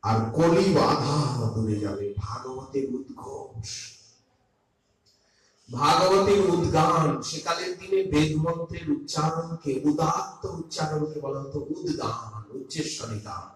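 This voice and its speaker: An older man giving a Vaishnava sermon on scripture, slow and emphatic, dropping from loud to soft, sometimes chanting Sanskrit verses. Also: a little high, animated, faint music behind. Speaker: Vaishnava preacher. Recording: echoey hall, voice from a distance, faint hum.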